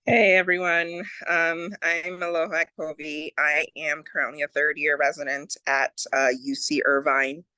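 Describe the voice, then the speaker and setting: Bright-voiced man resident, easygoing. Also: on the high side, level tone, moderate pace, hardly any pauses, clean tone, dry recording, low-quality recording. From Boston. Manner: easygoing, some stammering. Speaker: third-year resident. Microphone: video call.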